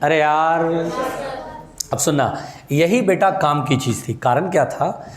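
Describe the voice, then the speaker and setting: A man's voice: a little high, a little slow, echoey room. A man teaching physics in a classroom, repeating his points, calling students "beta" and scolding anyone who chats. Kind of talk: classroom lecture.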